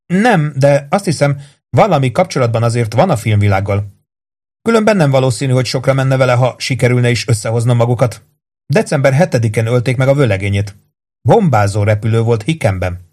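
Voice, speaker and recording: A man reading aloud and voicing a composed woman who speaks calmly and dryly, with a quiet bitterness. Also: mid-range voice, pitched above the performer's own voice, close to an everyday voice. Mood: sober.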